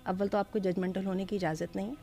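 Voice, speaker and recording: Panel guest, female, mid-pitched, measured, quotes scripture, faint music behind. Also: little pitch movement, mellow. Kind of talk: panel discussion.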